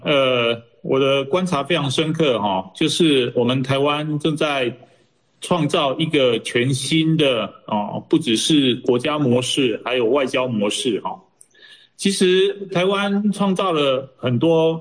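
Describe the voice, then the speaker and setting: Measured diplomat man. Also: mid-range voice, rough recording. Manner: measured, many hesitations and particles. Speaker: ambassador, remote guest. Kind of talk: interview answers.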